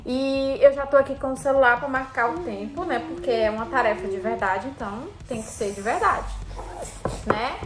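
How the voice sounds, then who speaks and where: A woman's voice: sits high, moderate pace. A woman, a mother talking to her viewers in a chatty, playful family vlog.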